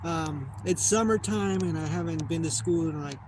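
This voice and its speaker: A man's voice: fairly high pitch, moderate pace. A young American man in a casual monologue, swearing a lot and rambling as he loses his train of thought. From United States. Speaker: vlogger. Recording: noisy background.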